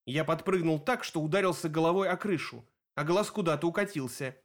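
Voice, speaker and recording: A man reading a first-person audiobook narration in a lively, expressive way. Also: a little high, a little fast.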